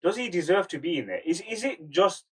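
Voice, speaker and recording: A man's voice: high voice, lively intonation, fairly quick, husky, distant mic, poor audio. A man debates football with a panel in an argumentative way, putting questions to the others.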